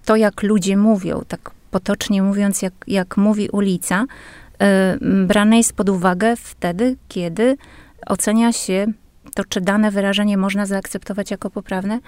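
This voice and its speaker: A woman linguist explaining language rules in a measured, patient way, speaking as a guest on a radio interview. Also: medium pitch, steady tone, darkish tone, dry recording.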